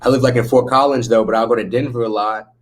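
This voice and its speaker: Fast and fairly even in intonation, a mid-range male voice drawls like a relaxed stoner. He's a livestream host chatting with viewers in a slangy, profane way.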